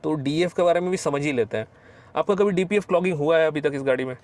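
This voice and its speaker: A man's voice: fairly high pitch, quick pace, darkish tone. A man hosting a casual car review, talking with the owner from inside a moving car. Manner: chatty, friendly, addresses viewers as bhai. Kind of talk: casual ride-along chat.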